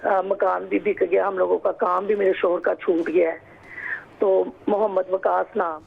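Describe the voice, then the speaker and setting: A woman calling in to a TV show, speaking hesitantly with long pauses and pleading. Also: fairly low pitch, flat delivery, gravelly, husky. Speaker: caller. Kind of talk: phone call to a TV show. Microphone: phone. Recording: tinny phone line.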